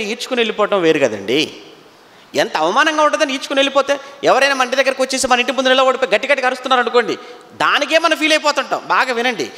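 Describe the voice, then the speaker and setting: A man's voice: high-pitched, bright, forceful tone, big-room sound. A man preaching a sermon, telling the story and putting rhetorical questions to his listeners.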